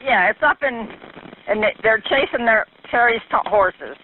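A woman's voice: on the high side, lively intonation, normal speed. Hesitant woman caller over a landline phone. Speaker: emergency caller. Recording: tinny phone call with faint noise.

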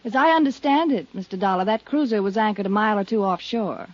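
A woman's voice: medium pitch, fast talker, darkish tone, no echo, natural voice. A woman playing a cool, guarded widow. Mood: defiant. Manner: cool, evasive, controlled. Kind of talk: 1950s radio drama acting. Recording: dull lo-fi old radio broadcast.

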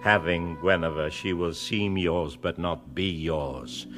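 Casting: grave wizard seer, audio drama. Deep-set, unhurried, incantatory, over music. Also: male voice. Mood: grave warning. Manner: solemn, incantatory, measured delivery. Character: grave, brooding male wizard and prophet, Merlin.

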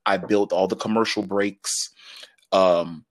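A man in his thirties, a podcast guest, telling stories in quick, laughing, filler-heavy casual talk. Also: low-pitched, steady tone, no room sound, clean studio sound. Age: 30s. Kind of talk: casual interview storytelling.

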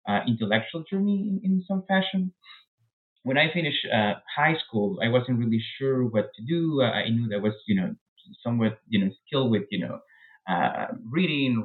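Man on a tinny line. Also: medium pitch. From Peru. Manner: thoughtful, with frequent restarts and hedging fillers. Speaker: guest author. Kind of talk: academic interview.

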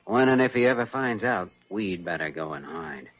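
An actor playing a younger doctor in an old-time American radio drama, husky, wry and measured, with a placating, cautious temper. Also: male voice, low voice, lively intonation. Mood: pleased, conspiratorial. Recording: dull, lo-fi vintage radio recording.

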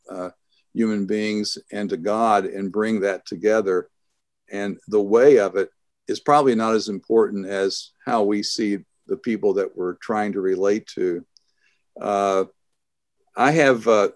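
An older man talks through his answers slowly, pausing and restarting as he thinks. His voice sits low, and the sound is dry and close. He speaks as an author being interviewed. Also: no echo. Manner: thoughtful, halting, with many restarts. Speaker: author and guest.

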